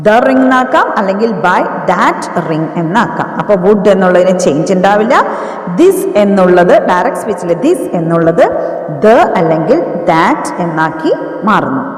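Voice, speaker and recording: A woman teaching English grammar, explaining in Malayalam and dictating example sentences slowly word by word. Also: mid-range voice, lively intonation, soft background music. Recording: echoey room, voice from a distance.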